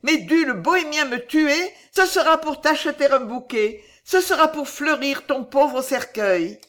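A woman's voice: high-pitched, slow, a bit bright, voice pushed up. A woman voicing a desperate young girl singer who pleads and sobs in a strained, tearful voice.

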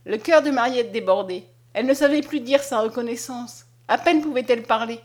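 Woman, audiobook narration, measured and expressive, fairly high voice. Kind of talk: scripted narration of a novel.

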